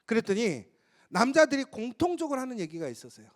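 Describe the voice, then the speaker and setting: A man's voice: extremely high pitch, quick pace. A male pastor preaching a sermon, emphatic and storytelling, who often turns to the congregation with rhetorical questions. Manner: lively, storytelling delivery with occasional laughs.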